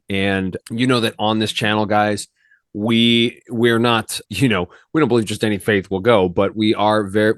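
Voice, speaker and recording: Male podcast host, lower voice, casual rambling delivery, dry close sound. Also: no room sound. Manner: loose, rambling, slangy, with many restarts.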